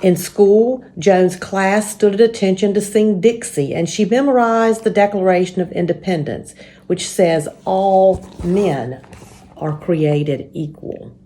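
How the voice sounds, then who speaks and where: At a church story time, a woman introduces a children's book and reads it aloud, measured and explanatory. Her voice is medium-pitched and warm.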